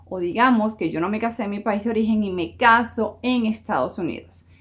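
A woman giving job-search advice in a conversational style, speaking straight to her listeners and switching into English to act out phone calls. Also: mid-range voice. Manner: conversational and explanatory, addressing listeners directly. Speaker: career and job-search advisor. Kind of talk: direct-to-camera advice talk.

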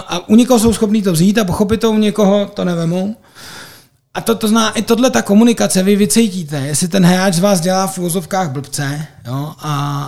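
Guy talking ref stuff on a podcast, gravelly, bit high, lots of um and restarts. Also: a little mellow. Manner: rambling, full of fillers and restarts. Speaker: ice hockey referee, podcast guest. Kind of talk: casual podcast chat.

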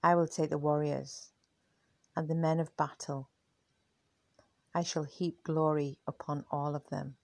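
A woman's voice: deep voice, level tone, measured pace, vocal fry, long pauses, no room sound. A woman voicing a proud male lord of war, making a boastful proclamation.

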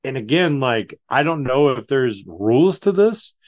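Podcast co-host, male, mid-pitch, chatty film reviewer who slips into mocking voices. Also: unhurried. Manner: animated, acts out quotes in mocking voices. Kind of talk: casual movie review chat.

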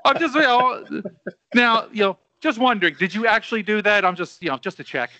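A man's voice: sits high, animated, brisk, sharp tone, no room sound. A man co-hosting a casual podcast, teasing his friend and asking questions with a lot of fillers. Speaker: podcast co-host. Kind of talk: casual chat.

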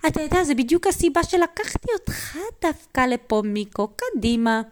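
A woman voicing an excitable older grandmother who gushes, repeats herself and gets teary with excitement in a made-up bedtime story. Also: high-pitched, a little hiss or hum, pitched above the performer's own voice. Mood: eager.

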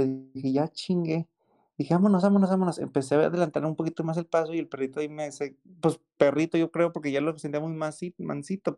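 A man with a Mexican accent telling a story in casual chat, excited and slangy, often repeating exclamations. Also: on the high side, gravelly. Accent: Mexican Spanish.

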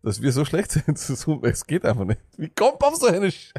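A man's voice: on the high side, wildly swooping pitch, fairly quick, warm tone, slightly rough, no room sound, clean studio sound. A man co-hosting a fantasy football podcast, ranting and sarcastic, jumping between thoughts. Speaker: podcast co-host. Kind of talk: casual fantasy football chat.

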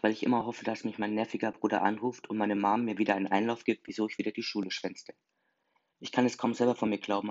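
A man's voice: on the low side, darkish tone. A man narrating a first-person story in an earnest, emotional reading. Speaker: story reader. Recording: slightly dull lo-fi recording.

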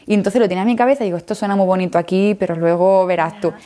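A woman's voice: mid-range voice, very fast, dark tone. A young woman from Jerez with an Andalusian accent, a flutist guest in a casual interview, telling her story with animation, acting out what she said back then and laughing often. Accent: Andalusian Spanish. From Jerez, Spain.

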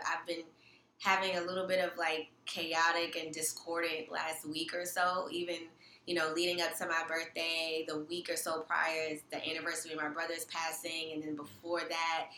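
A woman's voice: low voice, pushed and bright. A woman, chatting casually and reflectively as a podcast guest. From Queens, New York. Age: 30s. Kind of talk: casual personal chat. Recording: echoey room, audible background noise.

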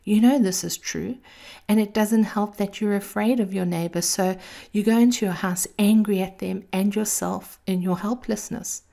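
A woman delivers a scripted piece of encouragement like a femme fatale, sultry and intimate. Her sweet voice is dark and mellow, with plenty of fry in it. She speaks as a host addressing her listeners closely. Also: medium pitch, fairly even intonation, normal speed. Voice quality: sweet, creaky. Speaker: host of a daily encouragement series. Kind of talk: scripted motivational monologue.

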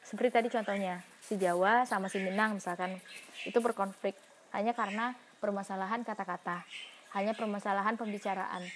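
A woman's voice: mid-range voice, fairly even intonation, fairly quick. Woman lecturing, rhetorical questions, faint noise. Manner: explanatory, rhetorical questions answered herself, frequent fillers. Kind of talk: recorded university lecture.

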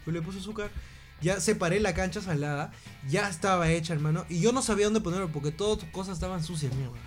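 High-voiced man telling a story. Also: quick pace, faint music behind. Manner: slangy, laughing storyteller. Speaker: co-host. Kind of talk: casual chat, anecdote telling.

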